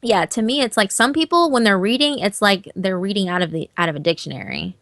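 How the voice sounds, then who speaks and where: A horror story narrator, appearing as a guest in a casual interview chat, talks in an animated, emphatic way and swears casually. Her voice is medium-pitched and fairly quick, and the recording is dry.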